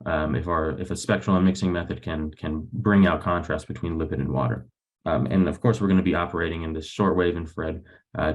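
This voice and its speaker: A young adult graduate researcher presents a technical webinar over a video call, explaining things in a somewhat hesitant way with a low, creaky voice.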